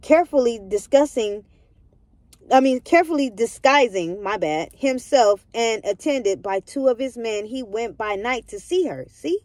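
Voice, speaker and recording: A woman's voice: a little high, lively intonation, moderate pace, darkish tone, dry recording. A young woman reading a Bible story aloud in a casual vlog and stopping often to preach emphatically to her listeners. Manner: emphatic, preachy asides, keeps calling out to listeners. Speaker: vlogger retelling a Bible story.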